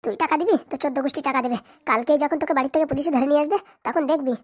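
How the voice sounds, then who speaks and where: A woman's voice: high voice, very fast, lightly acted. A woman voicing a greedy, scheming mother in a cartoon comedy who scolds and curses. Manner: scolding, foul-mouthed. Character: scheming greedy middle-aged mother, foul-mouthed.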